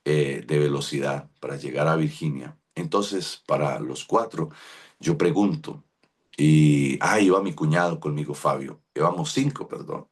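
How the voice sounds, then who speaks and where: A middle-aged Colombian man with a Colombian accent, preaching from a pulpit. His voice sits very low and has a husky edge. He tells his story in lively detail, acts out the people he quotes, and speaks to listeners by name. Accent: Colombian Spanish. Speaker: pastor. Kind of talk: sermon with personal story.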